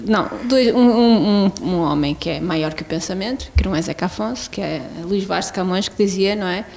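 A woman hosts a casual podcast conversation. She speaks in a measured, deliberate way. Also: medium pitch, vocal fry, darkish tone.

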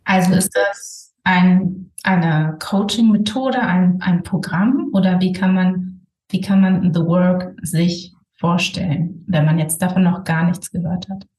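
A woman's voice: fairly low pitch, steady tone, slow, darkish tone, reverberant, poor audio. A woman hosting a podcast interview who asks her guest friendly, open questions. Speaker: podcast host.

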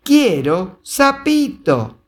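A storyteller voicing a shrill, whiny toddler girl who shrieks and grabs. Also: very animated, extremely slow. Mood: demanding. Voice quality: shrill, wailing.

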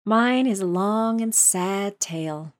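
A woman's voice: mid-range voice, natural voice. A woman voicing a proud, easily offended little mouse who speaks severely and sharply. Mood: sighing. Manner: severe, sharp, slow and sighing.

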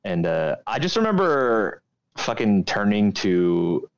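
A fairly low-voiced man bantering in casual podcast chat, crude and joking. His pitch swings a lot as he talks, and his delivery stays animated throughout. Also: slow pace, clean tone, highs cut off. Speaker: podcast co-host.

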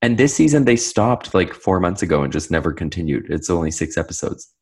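A man's voice: low-pitched, sing-song, fairly quick, darkish tone, husky. A man co-hosting a podcast in casual pop-culture chat, full of "like" fillers and wry asides. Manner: chatty gossip with many "like" fillers and wry asides. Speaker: podcast co-host.

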